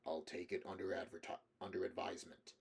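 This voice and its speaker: A gruff, curt bounty hunter, read by a man in a dropped, low voice. He answers short and flat, quiet and dismissive in this audiobook reading. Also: quick pace, exaggerated voice. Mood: terse. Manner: terse, dismissive.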